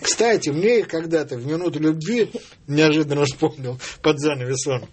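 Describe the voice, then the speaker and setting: A man reciting his own comic poem on air in a measured, mock-solemn way. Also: on the high side, a little mellow, slight background noise. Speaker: poet guest.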